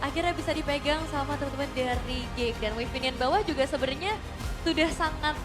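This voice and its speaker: An Indonesian woman casts an esports match in a very high voice. She delivers live commentary and analysis over clearly audible music. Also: fairly quick. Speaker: esports shoutcaster.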